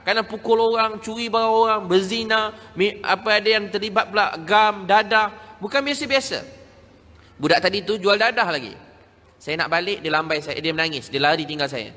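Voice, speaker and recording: A man's voice: high-pitched, fairly even intonation, a little fast, pushed and bright. A man with a Malaysian Malay accent preaching a storytelling sermon, emphatic and repeating phrases for stress. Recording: long hall reverb.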